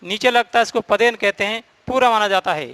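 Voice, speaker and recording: A man's voice: sits high, fairly quick, sharp tone, clear, resonant tone, no room sound. A man teaching a Hindi grammar lesson, explaining rules step by step and repeating the key points.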